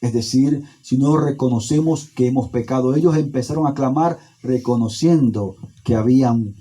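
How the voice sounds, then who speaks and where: Husky, mellow-voiced preaching man. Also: mid-range voice, poor audio. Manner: preaching with emphatic pauses and repetition. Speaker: pastor. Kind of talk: sermon.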